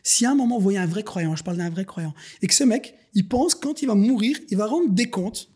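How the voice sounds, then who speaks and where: A man's voice: high-pitched, lively intonation, fairly quick, a little mellow, husky. A man, a podcast guest talking earnestly and at length in a casual conversation, like someone giving a sermon. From Belgium. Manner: earnest, preachy storytelling, addresses listeners as "les gars". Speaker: podcast guest, business owner.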